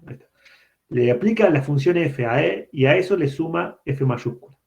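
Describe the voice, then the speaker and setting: A man's voice, on the high side, gravelly and a little mellow, carries lively intonation at a moderate pace. He's giving a programming lecture to university students online, explaining step by step and often confirming they follow. His computer mic on the video call produces dull, lo-fi sound.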